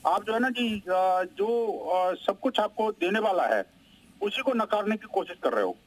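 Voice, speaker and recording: High-voiced man arguing in a debate. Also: expressive, measured pace, poor audio. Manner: emphatic, interrupts others. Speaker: panel guest. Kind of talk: heated TV debate.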